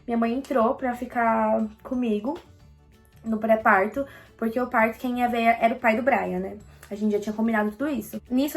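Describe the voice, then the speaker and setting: A young Brazilian woman casually telling a personal story, animated and acting out quoted lines. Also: fairly high pitch.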